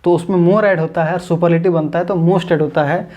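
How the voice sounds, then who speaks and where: Here a man's fairly high, steady, darkish voice delivers an online English grammar lesson. He lays out each step, restates his points, lingers slowly on example words, and calls the people watching his friends.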